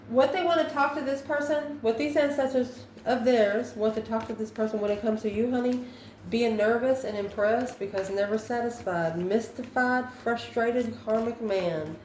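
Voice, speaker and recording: A tarot reader and channel host does an unscripted card reading, thinking out loud and answering her own questions. Her voice is fairly high with a darkish tone, recorded in an echoey room with faint background noise.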